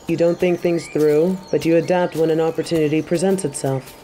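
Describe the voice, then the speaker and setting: Roleplay audio: composed female tiger martial arts master, acted by a woman, stern yet warm-hearted, dark mellow tone, slight background ambience. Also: deep voice, fairly even intonation, a little hiss or hum, close to an everyday voice, poor audio. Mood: measured, approving. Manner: measured, composed, speaking directly to the listener. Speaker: voice actor in a fan roleplay audio. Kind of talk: scripted roleplay addressed to the listener.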